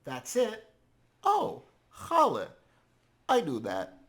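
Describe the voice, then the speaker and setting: A man playing a hesitant student in a scripted lesson who sounds out words haltingly, guessing by trial and error. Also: high voice, wildly swooping pitch, a bit bright, full character voice. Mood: unsure.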